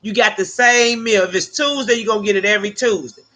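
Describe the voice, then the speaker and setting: A woman's voice: mid-range voice, fast. A woman casually telling a personal story, profane and laughing often between lines. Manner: animated, with vernacular grammar.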